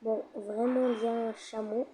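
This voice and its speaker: A fairly high-voiced woman talks her way through a building game in an unhurried, halting way, pausing often and filling the gaps with small hesitations. Her commentary is casual and slow, with a faint hiss behind it. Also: level tone. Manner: hesitant, with many fillers. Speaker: gamer.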